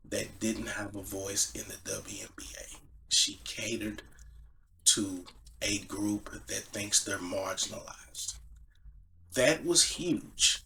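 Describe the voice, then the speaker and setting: A man's voice: on the low side, bright, forceful tone, a little hiss or hum. A man giving casual sports commentary, emphatic, restating phrases to drive each point home. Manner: emphatic, repeats phrases for stress.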